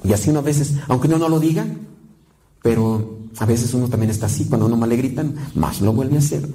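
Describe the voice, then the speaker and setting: Mellow-voiced man preaching a sermon. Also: mid-range voice, quick pace, low-quality recording. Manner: conversational, with tag questions and quoted asides.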